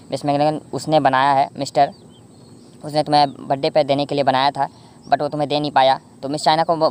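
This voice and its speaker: Brisk, monotone recap narrator from India, chatty and self-correcting. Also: medium pitch, smooth. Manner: rambling, frequent self-corrections and fillers. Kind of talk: casual drama recap narration.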